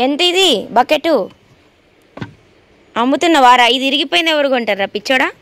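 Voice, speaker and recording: Lady fussing over her dogs, high voice, teasing and doting. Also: sharp tone, dry recording. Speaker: vlogger talking to her pet dogs. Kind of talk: casual pet vlog chatter.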